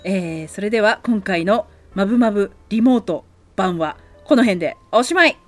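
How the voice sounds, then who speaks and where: A woman's voice: mid-range voice, lively intonation, moderate pace, faint music behind. A woman co-hosting a podcast in casual chat, agreeable and often repeating words in agreement. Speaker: podcast co-host.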